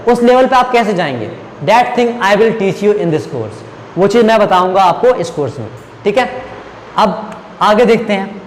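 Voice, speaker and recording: A man's voice: high-pitched, echoey room, long reverb tail, slight background noise. A man whose first language is Hindi, teaching spoken English and explaining step by step, often checking that students follow. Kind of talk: classroom lecture.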